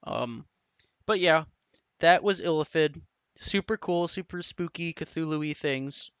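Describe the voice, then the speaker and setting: A man rants casually into his camera, rambling and restarting often. His voice is bright and crisp. The close, dry sound is slightly dull and lo-fi. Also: on the high side, slow, no room sound. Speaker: tabletop and larp rules reviewer. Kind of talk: casual unscripted rant to camera. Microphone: camera mic.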